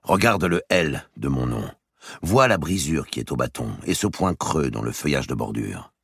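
A man's voice: very deep voice, very animated, moderate pace, fairly bright tone, husky, no echo, clean studio sound, full character voice. A man voicing a medieval king in a storybook reading, urgent and commanding. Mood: pondering. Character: medieval male king, bewildered then commanding.

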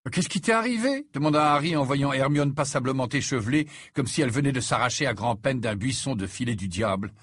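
A man reading a novel aloud in measured storytelling narration. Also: medium pitch, fairly even intonation, breathy edge, dry recording. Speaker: audiobook narrator. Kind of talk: scripted narration. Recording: dry, close audiobook recording.

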